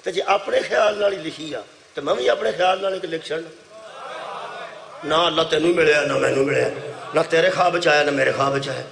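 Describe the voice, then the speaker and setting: Punjabi-accented preacher guy, middle-aged, kinda high gravelly voice, loud then soft, repeats stuff. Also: a little hiss or hum. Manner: storytelling preacher, swings between loud declaiming and soft asides, repeats phrases. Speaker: Shia cleric preaching at a majlis. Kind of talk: sermon. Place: religious gathering before an audience.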